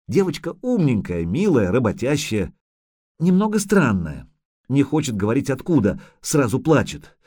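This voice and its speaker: A man's voice: medium pitch, warm tone, breathy edge. A man voicing an anxious, loving merchant's wife who pleads eagerly.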